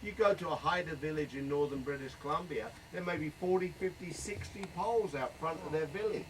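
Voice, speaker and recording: A man's voice: on the high side, brisk. Man, tour guide, bus tour narration, joking, heard from a distance, bus and road noise. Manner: joking and playful.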